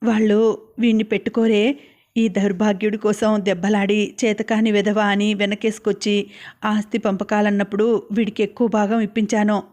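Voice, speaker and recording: A woman voicing a grieving elderly grandmother who speaks in halting, tearful pleas. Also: mid-range voice, level tone, darkish tone, natural voice. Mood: sorrowful. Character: grieving elderly grandmother fretting over her son.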